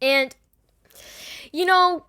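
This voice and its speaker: A woman giving an unscripted, defensive personal explanation to an online audience, rambling and halting with repeated words and casual swearing. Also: very high voice, pushed and bright. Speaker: online creator addressing the audience. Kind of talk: unscripted personal apology and self-defence video.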